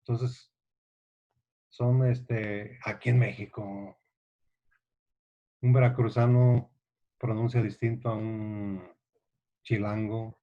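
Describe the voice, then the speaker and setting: A male teacher with a Guanajuato Mexican accent gives a classroom lecture at an unhurried, deliberate pace. He explains things patiently and keeps checking in with his students through rhetorical questions. The recording sounds dull and lo-fi. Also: on the low side, little pitch movement. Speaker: literature teacher.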